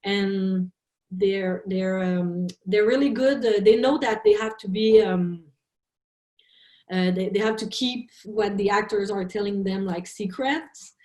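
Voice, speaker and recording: Halting woman director, roomy echo. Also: medium pitch, steady tone, a little mellow. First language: French. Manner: halting, searching for words, frequent restarts. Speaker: film director, interview guest. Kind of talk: interview talk in a second language.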